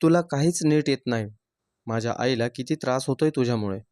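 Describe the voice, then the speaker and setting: A man voicing a jealous, sharp-tongued young sister-in-law who taunts and scorns. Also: mid-range voice, a little fast, dry recording, clean studio sound, close to an everyday voice. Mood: scornful.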